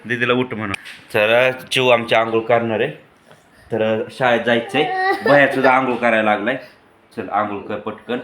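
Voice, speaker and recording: A man's voice: mid-range voice, fairly even intonation, normal speed, fairly bright tone. A man in his thirties with a Marathi accent, vlogging his family at home and teasing his children playfully. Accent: Marathi rural Maharashtra. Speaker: vlogger father. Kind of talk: casual family vlog. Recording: noisy home recording.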